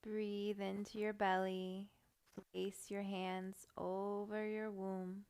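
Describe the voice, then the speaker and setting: A woman guiding a meditation in a soft, soothing voice, giving calm, gentle instructions with long pauses. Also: medium pitch, smooth. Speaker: meditation guide. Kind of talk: guided meditation.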